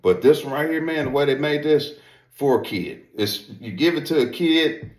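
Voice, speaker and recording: In a fairly high pitch at normal speed, a man gives an informal demo of duck calls. His style is folksy and emphatic, often circling back to the same phrases, with echo from the room.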